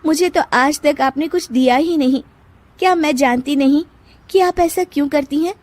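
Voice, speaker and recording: A woman voicing a sharp-tongued young wife who argues back in shrill, combative retorts, for a cartoon. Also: moderate pace, dry recording, natural voice. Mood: defiant.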